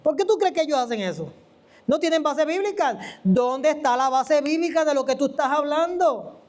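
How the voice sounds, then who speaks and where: A preacher gives an animated, conversational teaching sermon, asking the listener questions. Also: high-pitched, normal speed. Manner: animated, asks the listener questions and acts out quoted voices. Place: church.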